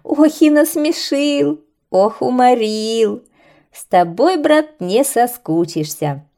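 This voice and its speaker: A woman voicing a noisy flock of small mocking birds in a children's story, raising her voice high. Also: big pitch swings, normal speed, mellow, slightly rough, exaggerated voice.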